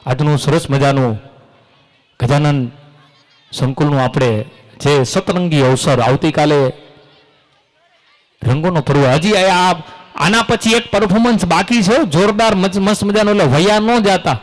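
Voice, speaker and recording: A man's voice: on the high side, unhurried, long pauses, poor audio. A man hosting a school function, telling folksy comic stories on a stage microphone. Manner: folksy storytelling, quoting old ladies. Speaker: event host telling jokes. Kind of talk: stage comedy anecdotes in Gujarati.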